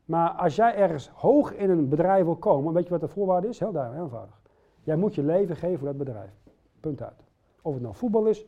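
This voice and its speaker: A middle-aged man delivers a sermon, earnest and direct, often turning to his listeners with questions. His voice sits a little high but sounds mellow and dark. The recording is dull and lo-fi. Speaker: preacher.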